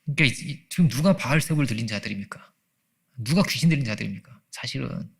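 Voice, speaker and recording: Gravelly-voiced man preaching a sermon. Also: mid-range voice, expressive, fast talker. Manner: conversational preaching with rhetorical questions; acts out quoted voices, laughs often. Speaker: pastor. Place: church sanctuary.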